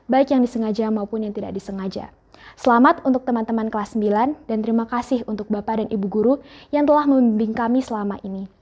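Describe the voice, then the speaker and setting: A teenage girl giving a formal farewell speech on behalf of her class, in a measured, earnest delivery. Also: on the high side, darkish tone. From Indonesia. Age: teens. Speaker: student speaker.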